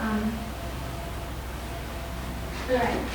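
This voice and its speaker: A young woman from Thailand hosting a cultural class, friendly and hesitant with many fillers. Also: very slow. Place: large lecture room. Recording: very echoey room, distant mic, faint hiss.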